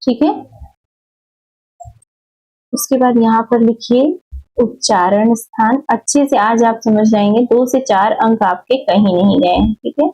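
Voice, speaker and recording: A woman's voice: a little high, unhurried, pauses often, dark tone, low-quality recording. A woman teaching a Hindi grammar lesson, stopping often to check in with her students and drawing out vowel sounds as examples. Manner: repetitive, checks in with "theek hai" often, drags out vowels as examples. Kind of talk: explanatory classroom lesson.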